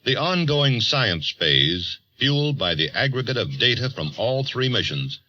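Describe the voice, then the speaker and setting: A man reading formal, deliberate scripted narration for a 1970s documentary. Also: medium pitch, big pitch swings, pushed and bright, no room sound. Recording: dry, dull old film soundtrack.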